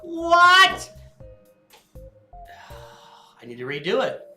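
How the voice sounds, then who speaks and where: Man, stream host, casual rambling chat, bright tone, roomy echo. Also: high-pitched, normal speed. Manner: rambling, apologetic, answers chat questions aloud. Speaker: livestream host and guild leader. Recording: echoey room with faint music.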